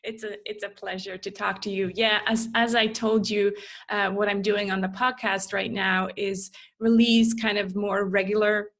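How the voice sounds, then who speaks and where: A woman hosting a podcast, introducing her guest and asking gently inviting questions. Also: medium pitch, flat delivery, moderate pace. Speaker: podcast host. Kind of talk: conversational interview.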